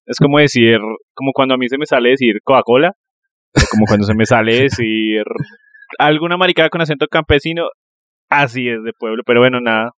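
Colombian man, middle pitch, loose joking co-host banter, dry phone recording. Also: brisk, a bit bright, no echo. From Neiva, Colombia. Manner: joking, slangy, rambling. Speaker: podcast co-host. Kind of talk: casual chat.

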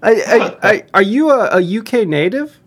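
A man's voice: sits high, very animated, a little slow. A man from the United States hosting a podcast, chatting casually with lots of stammering restarts. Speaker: podcast host. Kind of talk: casual interview chat.

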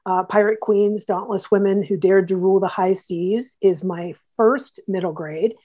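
Woman, from Ohio, guest author, chatty, enthusiastic, mid-pitched voice. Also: steady tone, normal speed, warm tone, muffled recording. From Columbus, Ohio. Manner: enthusiastic, chatty, many fillers. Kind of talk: casual interview chat.

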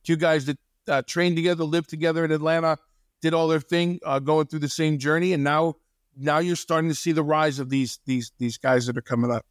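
Male podcast co-host, slightly higher voice, dry close mic, rambling storyteller. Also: steady tone, fairly quick, dry recording. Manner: rambling, folksy, tells stories. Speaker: podcast co-host, former wrestling trainer. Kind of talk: casual podcast chat.

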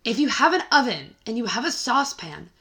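A woman podcast co-host with a hoarse, scratchy smoker's rasp, chatting casually and wryly about a book. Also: fairly high pitch, very animated, fairly quick, fairly bright tone. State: hoarse after flu.

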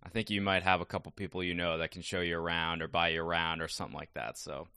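Upbeat male interviewer with a bright, punchy voice and dry, close sound. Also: deep voice, fairly even intonation, fast talker, clean tone, no room sound. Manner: upbeat, chatty questioning. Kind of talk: casual interview questions.

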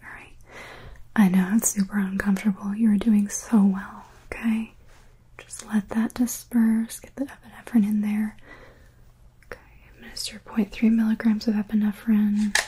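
A young woman whispering softly and reassuringly, in a whispered medical roleplay as a paramedic. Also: mid-range voice, level tone, normal speed, a little hiss or hum.

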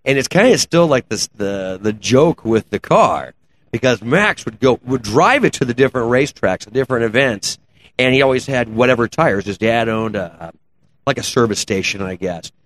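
A man's voice: mid-range voice, expressive, moderate pace, a bit bright. A man chatting casually as an interview guest, telling car stories in colloquial, slangy shop talk. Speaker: guest, race car builder and shop owner. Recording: clear background noise and ambience. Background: ambient noise.

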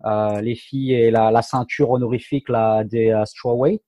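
A man chatting casually about fighting sports as a podcast co-host, halting with many fillers and restarts. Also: mid-range voice, fairly even intonation, mellow, dry recording.

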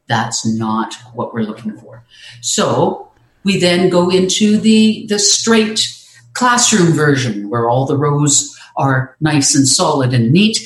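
A speaking coach gives instructive advice on presenting, measured and explanatory, occasionally pausing to search for a word. The voice sits at a middling pitch, and there's a noticeable roomy echo on the recording.

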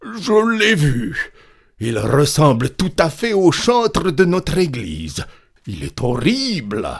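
A man's voice: mid-range voice, very animated, slow pace, a little mellow, exaggerated voice. A man voicing a nervous, insistent male peasant farmer in a storybook reading. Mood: frightened.

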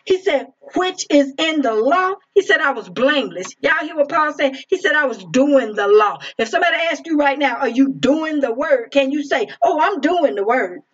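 A woman's voice: high voice, expressive, moderate pace, few pauses. A middle-aged woman preaching an informal streamed sermon, repeating her phrases and speaking straight to her listeners. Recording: dull lo-fi stream audio.

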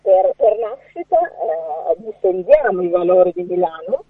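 A middle-aged woman speaking haltingly as an association representative in a live radio interview over a poor phone line. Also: medium pitch, big pitch swings, vocal fry, breathy edge, no room sound. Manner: halting, repeats words. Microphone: phone call. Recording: muffled phone line, hard to hear.

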